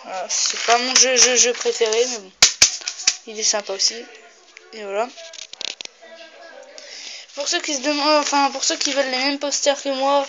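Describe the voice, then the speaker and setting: A woman's voice: high voice, level tone, normal speed, pauses often. A young woman hosting a casual vlog, talking loosely with lots of fillers and frequent swearing. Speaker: video host. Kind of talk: casual vlog showing posters. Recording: dull lo-fi home recording with clear noise.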